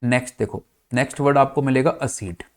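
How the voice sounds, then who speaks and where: A man from India teaching an English vocabulary lesson in Hindi, often checking with his students if things are clear and spelling words out letter by letter. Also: medium pitch, fairly even intonation, fast. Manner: addresses students as "bachcha party", checks "clear?".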